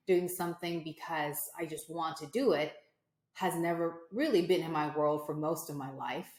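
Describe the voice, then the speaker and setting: Reverberant audio carries the low voice of a U.S. woman in her forties, a guest entrepreneur. She reflects aloud in a conversational interview, often using fillers and restarting her sentences.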